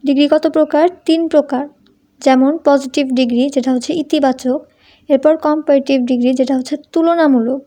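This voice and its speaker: Woman, grammar teacher, high mellow voice, questions for students, informal tone. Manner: asks students questions and answers them herself; addresses students informally as tumi. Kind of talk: Bengali-language grammar lesson.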